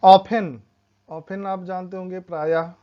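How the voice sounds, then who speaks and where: Slow, patient woman teaching English. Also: on the low side, steady tone. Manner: slow, spells letters out and repeats words. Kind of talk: classroom-style language lesson. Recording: slightly dull lo-fi sound.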